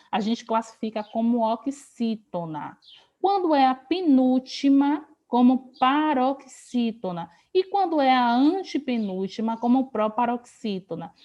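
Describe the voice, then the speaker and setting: Brazilian woman teacher, slightly high voice, video-call lesson, patient and explanatory. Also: darkish tone. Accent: Brazilian Portuguese. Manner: explanatory, stretches words slowly for emphasis. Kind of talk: online grammar lesson.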